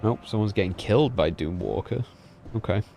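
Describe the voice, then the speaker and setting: Gravelly, low-voiced streamer. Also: male voice, brisk, highs cut off, a little hiss or hum. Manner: relaxed, chatty, thinking aloud while gaming. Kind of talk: casual reaction livestream.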